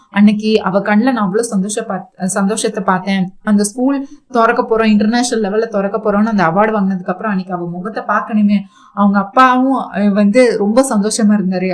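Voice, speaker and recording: A woman voicing a grieving young man who tries to send his wife away, in a fast, self-pitying retelling. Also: medium pitch, fairly even intonation, close to an everyday voice. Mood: sorrowful.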